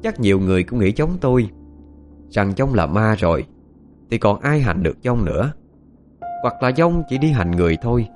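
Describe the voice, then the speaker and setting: A man narrating a ghost story in an expressive, dramatic way. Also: on the low side.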